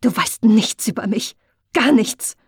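A woman playing a proud, defensive young woman fighter in an audiobook, speaking low and hushed, then sharp and curt. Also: level tone, unhurried, husky, no room sound, clean studio sound. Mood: harsh refusal.

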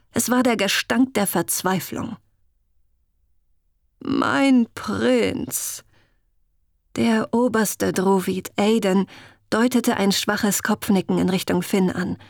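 Slow, calm woman narrator. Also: mid-range voice, dry recording, studio quality. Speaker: audiobook narrator. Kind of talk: scripted fantasy narration.

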